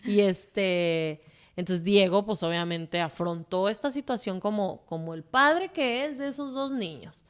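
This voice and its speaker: A woman's voice: medium pitch, a little slow, clear, resonant tone. A woman with a Mexican accent, a guest telling her personal story in a candid, emotional way, swearing freely and rambling with fillers. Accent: Mexican Spanish.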